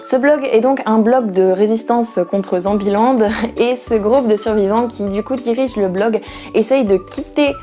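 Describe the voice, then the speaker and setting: A woman's voice: fairly high pitch, measured pace, dark tone, faint music behind. A young woman talking casually to camera about her summer reading list, chatty and playful with many fillers and asides. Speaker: book vlogger. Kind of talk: casual book talk to camera. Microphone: camera mic.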